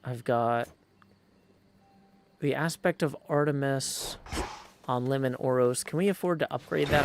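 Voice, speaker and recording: A mid-range-voiced man hosts a gaming livestream with casual, rambling commentary, talking to viewers and reading text out loud. Video game sound plays behind him, and the background is noisy.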